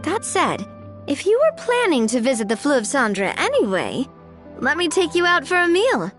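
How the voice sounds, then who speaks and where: Poised, high-voiced young heroine. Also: female voice, huge pitch swings, normal speed, fairly bright tone, faint music behind, full character voice. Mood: reassuring, friendly. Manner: polite, composed, firm. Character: poised, principled, friendly young woman leader. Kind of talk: animated game voice acting.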